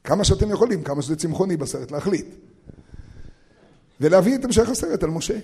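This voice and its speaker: A man teaching a Torah lesson to educators, animated and full of rhetorical questions, swinging between loud bursts and near whispers as he acts out quotes. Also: high voice, breathy edge.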